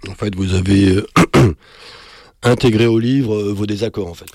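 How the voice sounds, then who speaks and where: A man interviewing an author, asking relaxed, conversational questions. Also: lowish voice, measured pace, no echo, clean studio sound.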